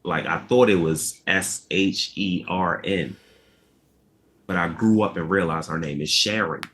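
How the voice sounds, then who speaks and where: A man's voice: sits low, a little slow, a bit bright, a little hiss or hum. A young man from Baltimore with a Baltimore accent, co-hosting a casual chat and talking in a laid-back, rambling way. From Baltimore, Maryland. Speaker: podcast co-host.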